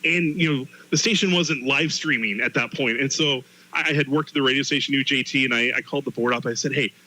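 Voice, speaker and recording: Bright-voiced male sports radio co-commentator. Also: mid-range voice, fast, rough recording. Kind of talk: conversational live sports broadcast talk and score updates. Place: stadium press booth.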